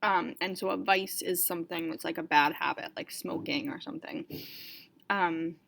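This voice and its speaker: A woman teacher talks through a text in a relaxed, chatty way, full of "um" and "like". Her voice is fairly low and gravelly with plenty of vocal fry. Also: moderate pace, a little hiss or hum. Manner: chatty, explains with fillers like "um" and "like". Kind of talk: casual explanatory lesson.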